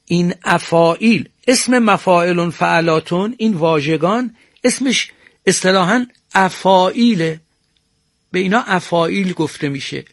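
A middle-aged man giving a formal broadcast lesson on poetic meter, speaking courteously and slowly chanting the meter's syllables. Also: sits high, no room sound, clean studio sound. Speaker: teacher of Persian prosody.

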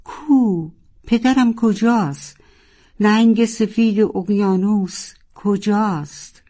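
A storyteller voicing a young narwhal who is desperately searching for its lost father, pleading and shouting. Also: medium pitch, expressive, vocal fry. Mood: frantic. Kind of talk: children's audiobook acting.

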